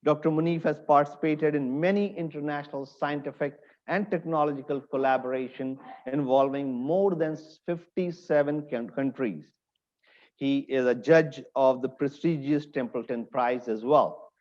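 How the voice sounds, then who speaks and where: A man's voice: a little high, normal speed, darkish tone, muffled recording. A man hosting an interview, reading a formal introduction and asking questions with some hesitation. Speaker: interview host.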